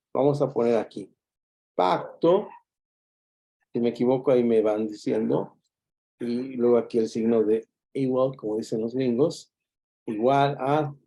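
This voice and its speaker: A man's voice: mid-range voice, dark tone. A man teaching a Bible lesson in a classroom, explaining step by step, repeating key points and restarting words as he goes. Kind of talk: classroom lecture.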